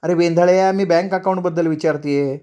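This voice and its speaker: A man voicing a bossy, excitable young wife who scolds her husband. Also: sits high, fairly quick, pitched above the performer's own voice, lightly acted.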